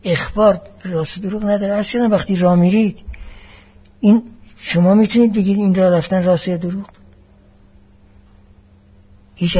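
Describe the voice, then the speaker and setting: A man giving a classroom lecture as a seminary teacher, explaining each point deliberately and mixing in Arabic phrases. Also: high voice, mellow, breathy edge, highs cut off.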